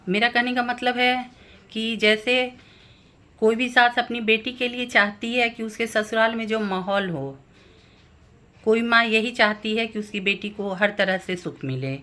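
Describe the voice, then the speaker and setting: A woman vlogger giving calm advice on family relationships, speaking gently and explaining each point step by step. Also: mid-range voice. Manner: slow, gentle and explanatory, lists family members one by one. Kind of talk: calm advice talk to camera.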